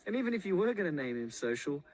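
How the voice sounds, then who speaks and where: A man's voice: sits high, big pitch swings, fast, a little mellow, low-quality recording. A man recording a joking film commentary, full of sarcastic, mock-insulting banter. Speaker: filmmaker on a commentary track.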